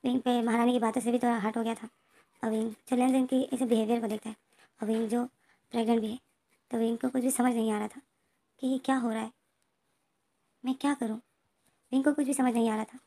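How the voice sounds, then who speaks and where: A woman's voice: on the high side, flat delivery, fast, pauses often, mellow. A woman casually retelling a fan story, rambling with restarts and reading out characters' lines.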